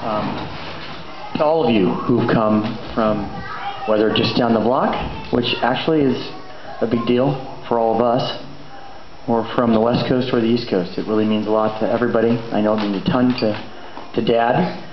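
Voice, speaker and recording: A man's voice: mid-range voice, fairly even intonation, normal speed. A middle-aged man giving a eulogy in an informal, conversational and hesitant way, with rambling asides. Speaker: son of the deceased giving a eulogy. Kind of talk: informal eulogy at a memorial gathering. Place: large indoor memorial venue. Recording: echoey room, muffled, faint background noise.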